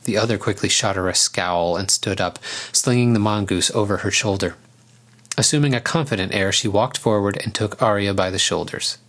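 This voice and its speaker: A man narrating a storybook in a calm, even reading voice. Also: on the low side, moderate pace.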